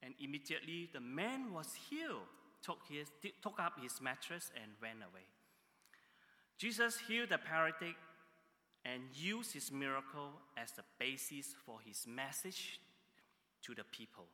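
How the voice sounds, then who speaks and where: A man preaching a sermon, emphatic, pushing his pitch and volume up on key phrases. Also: very animated, a little slow, pushed and bright, big-room sound.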